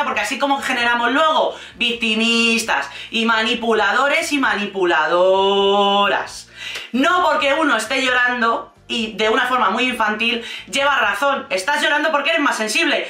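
A woman with a Spain Spanish accent delivers casual, blunt reaction commentary, swearing freely and mocking as she goes. Her voice is bright and sharp. It sits a little away from the mic in a roomy, echoey room. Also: a little high, recorded from a distance. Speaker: reality TV commentator.

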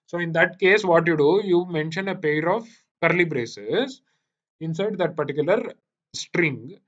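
Speaking unhurriedly in a fairly bright, high-leaning voice with lively intonation, this Indian-accented man teaches programming in a live online session. He often says things twice and asks whether students are keeping up, all captured in muffled, low-fidelity meeting audio.

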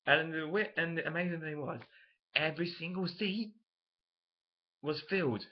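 A young man telling an excited story in a casual vlog, full of "like" and fillers. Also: on the high side, normal speed, highs cut off. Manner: chatty, filler-heavy, gushing. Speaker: vlogger.

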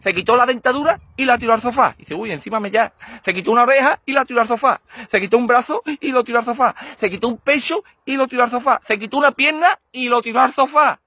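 A man's voice: extremely high pitch, fast talker, pushed and bright, no room sound, muffled recording. A man telling jokes and acting out each character with a different voice. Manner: acts out characters with shifting voices. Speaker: joke teller.

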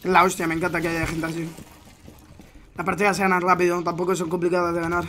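A young man from Spain chatting on a gaming stream, full of slang and calling everyone mate. His Spanish accent is plain, and he gets animated and loud as his stories build up. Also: high voice, fast talker, slight background noise. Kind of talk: casual gaming stream chat.

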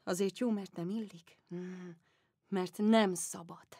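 An actress playing a weary aging empress in a one-woman audio play, speaking softly and musingly, often sinking into whispers. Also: lowish voice, steady tone, breathy edge, dry recording, clean studio sound. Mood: wistful. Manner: soft, musing, drifting into whispers. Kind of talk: theatrical monodrama audiobook.

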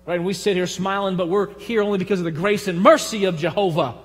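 A man with a Michigan accent preaching a sermon as pastor, folksy and emphatic, swinging from loud, driving points down to a near hush. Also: sits high, fairly even intonation, quick pace, slightly rough. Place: large church sanctuary. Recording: long hall reverb from the sanctuary.

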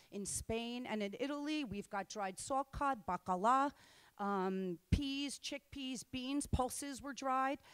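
A woman's voice: a little high, fairly bright tone, no echo. A middle-aged woman, a restaurant owner, giving a conference talk from a lectern, conversational with wry asides. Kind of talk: conference presentation with slides. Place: large auditorium stage at a lectern. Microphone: lectern microphone.

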